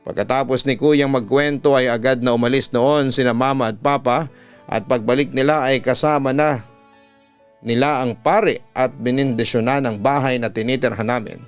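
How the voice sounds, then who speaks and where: Over background music, a man with a Filipino accent, host and narrator of a listener-story channel and a radio announcer, reads a listener's horror letter. He speaks at a moderate pace in a smooth, medium-pitched voice with fairly even intonation.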